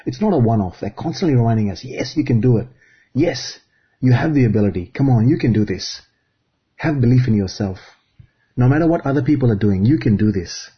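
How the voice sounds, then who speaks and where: A man from Fiji giving an earnest, measured reflective spiritual talk as a guest speaker, phrase by phrase. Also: medium pitch, husky, lo-fi sound.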